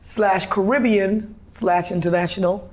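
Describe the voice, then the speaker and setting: A woman from Guyana, a fitness instructor, talks as an interview guest. She speaks loosely, with some restarts along the way. Her pitch sits in a middle range. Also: steady tone, a little slow, crowd noise. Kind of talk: casual interview.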